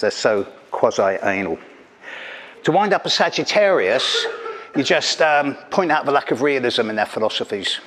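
A mid-range, slightly bright male voice comes through with a little hiss or hum. He's a middle-aged Englishman doing stand-up astrology on the stage of an event hall, mic in hand, with a caustic, teasing, punchy style.

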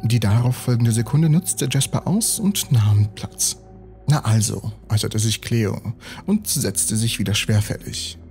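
A man reading a bedtime story as a calm, even storyteller. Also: medium pitch, unhurried, faint music behind. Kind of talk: scripted bedtime story narration.

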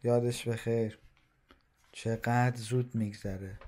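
A man's voice: mid-range voice, steady tone, a little mellow. A man in his thirties from Iran gives walking tour commentary outdoors, talking in a reflective, nostalgic, conversational way as he walks city streets. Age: 30s. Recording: street noise clearly audible. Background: traffic and street ambience.

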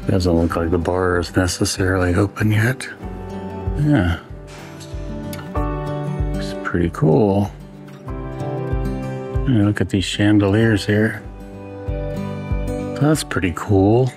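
A man casually narrating a travel vlog as he walks around, relaxed and unhurried. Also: fairly low pitch, over music. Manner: relaxed, unhurried commentary while walking around. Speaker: travel vlogger. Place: walking around a train station and hotel, indoors and outdoors.

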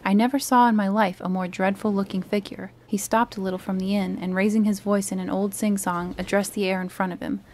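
Calm woman reading a classic aloud. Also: mid-range voice, fairly quick, hardly any pauses, slight background noise. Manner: calm, soothing, even. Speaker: storyteller.

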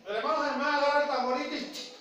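A Venezuelan man preaches with a very high-pitched voice, bursting into sound effects and shouted vendor calls. He is picked up from across an echoing church hall. The congregation can be heard around him. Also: fast talker, distant mic, crowd noise. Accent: Venezuelan Spanish. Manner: animated, full of boxing and street-vendor sound effects. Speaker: pastor. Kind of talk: lively sermon. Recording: echoey church hall, voice from afar, congregation audible.

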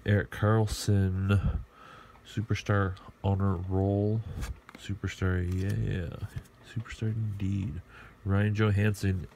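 A middle-aged man casually murmuring player names as he opens hockey card packs at a table, clearing his throat often. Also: lowish voice, level tone, slow, warm tone, a little hiss or hum. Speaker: card collector opening packs. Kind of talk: casual pack-opening commentary. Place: indoor table at home.

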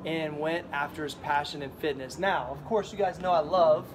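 A man hosting a casual fitness vlog outdoors, energetic and enthusiastic, introducing a guest. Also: on the high side, moderate pace. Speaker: fitness vlogger host. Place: outdoors on a street in Scotland. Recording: outdoor street noise with traffic.

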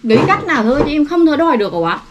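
Fast, high-voiced woman. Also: sing-song, highs cut off. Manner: agitated, complaining, boastful threats. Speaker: comedy sketch performer. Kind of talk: comedic sketch acting.

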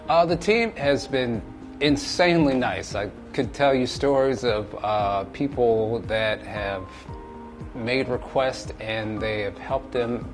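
A man giving an eager, quick-paced interview testimonial in a studio on a lapel mic. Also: mid-range voice. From southern United States. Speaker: training course participant. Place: indoor studio with grey backdrop. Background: music bed.

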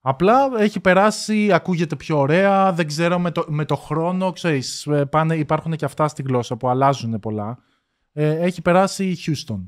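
Chatty young man, fairly high voice. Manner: chatty, explains at length with restarts. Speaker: podcast co-host. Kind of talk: casual chat.

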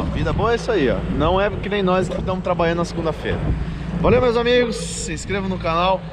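A man, hosting a casual, slangy, jokey fishing vlog and addressing viewers directly. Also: a little high. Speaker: fishing video host. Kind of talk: casual outdoor vlog commentary. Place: open small motorboat at sea. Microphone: action camera on the boat. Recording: loud wind and boat noise.

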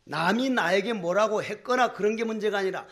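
An older man, a Buddhist monk, giving a dharma talk in a folksy, animated preaching manner full of rhetorical questions. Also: high-pitched, fairly quick. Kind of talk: sermon.

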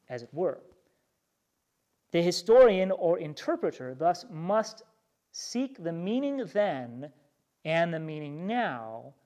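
A slightly high-voiced American man with a darkish tone leads a small church study group. He shifts conversationally between reading aloud and explaining things informally.

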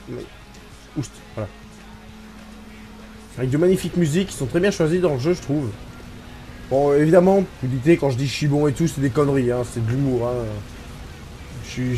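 A man from France giving casual, excitable commentary over his racing game, swearing and mocking himself. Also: mid-range voice. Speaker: gaming YouTuber. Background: game music.

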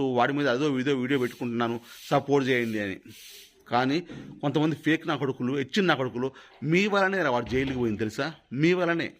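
Angry threatening man. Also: mid-range voice. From Khammam, Telangana. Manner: angry, threatening, repeats himself. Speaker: video creator. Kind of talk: angry direct-to-camera rant.

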